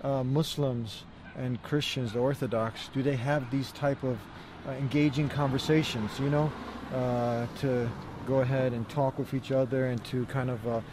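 An earnest man speaks as a vlogging preacher, in a mid-pitched voice over faint street noise. His phrasing is informal and often repeats itself as he makes his point. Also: level tone, moderate pace, few pauses. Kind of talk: casual vlog talk with religious preaching. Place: outdoors outside a church in town.

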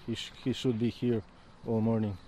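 Mellow man explaining outdoors. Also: mid-range voice, little pitch movement, moderate pace, rough recording. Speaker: local guide. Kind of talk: casual explanatory talk. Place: outdoors in a town street. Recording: faint outdoor street and traffic noise.

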